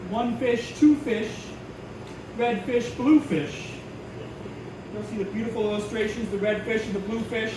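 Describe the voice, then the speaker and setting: A man's voice: high-pitched, unhurried. A male stand-up comedian acting out an elementary teacher at storytime, singsong, instructive and mock-innocent while being crude. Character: elementary teacher reading storytime, sugary yet crudely inappropriate. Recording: very echoey venue, distant mic, loud crowd, noise.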